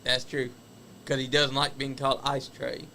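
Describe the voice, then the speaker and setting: Here the wrestling talk show host is a man with a mid-range, bright, forceful voice and a flat delivery at a moderate pace. He comments on vintage match footage in a chatty, opinionated way and laughs at the stories told; there's slight background noise.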